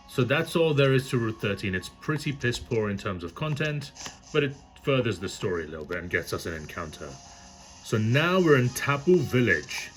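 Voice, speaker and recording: Over game music on a low-quality recording, a male gaming YouTuber with a voice on the low side gives casual let's play commentary. He's self-deprecating and swears freely.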